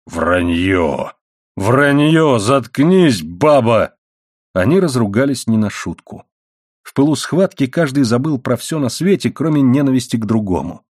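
Measured male audiobook narrator, dry studio. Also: medium pitch, breathy edge, dry recording. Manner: measured, steady reading. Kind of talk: scripted narration.

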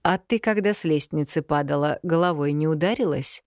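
A woman's voice: low-pitched, darkish tone, no echo, clean studio sound, lightly acted. Woman voicing a grumbling unseen male spirit. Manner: slow, grumbling, plainspoken.

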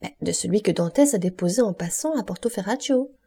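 A sly, jealous ship's officer who insinuates and hesitates, voiced by a woman in an audiobook. The delivery is dark and gravelly. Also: medium pitch, animated, brisk. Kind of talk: audiobook reading.

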